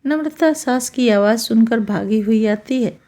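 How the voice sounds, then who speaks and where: A female storyteller reads a scripted moral tale slowly, in a calm and even way. Her voice is high and soft.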